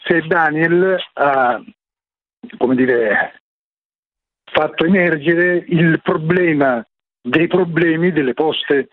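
A man in his sixties speaks over a thin, phone-like line, his voice sitting a little high. He talks slowly and bluntly, pressing the same point again and again like a caller who won't let it go. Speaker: caller, retired postal worker. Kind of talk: call-in to a radio talk show.

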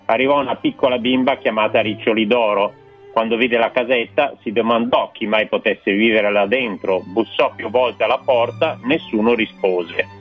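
A man reading a children's fairy tale aloud on a radio show, in a slow, expressive storyteller's manner. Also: on the low side. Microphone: studio microphone. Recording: dry, tinny radio broadcast with faint music.

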